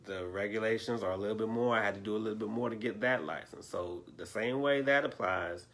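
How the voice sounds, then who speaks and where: A man's voice: lowish voice, fast, fairly bright tone. A man hosting a casual political discussion, talking straight to his viewers and sometimes losing his train of thought. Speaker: host.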